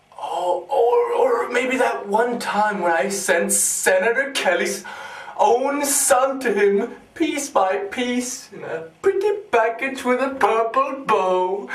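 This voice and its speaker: An actor playing a deranged, gleeful, sadistic clown supervillain in a theatrical monologue, mocking and erratic, recorded with a roomy echo. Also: male voice, sits high, far from the mic, exaggerated voice. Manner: theatrical, mocking, erratic swings between whispering and shouting.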